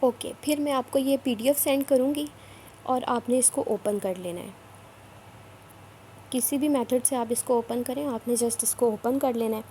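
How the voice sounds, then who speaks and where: A woman talks through a screen-recorded tutorial in a mellow, fairly high voice. She repeats each step patiently but turns a little scolding. Faint hiss sits under the recording. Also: normal speed. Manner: repetitive, instructive, a bit scolding. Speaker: online work trainer.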